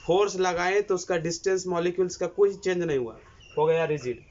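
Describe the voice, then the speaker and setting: A man's voice: sits high, a little fast, a little mellow. A male engineering teacher, dictating notes and coaxing his students with repeated questions. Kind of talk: classroom lecture dictating notes. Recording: dull lo-fi recording with faint hiss.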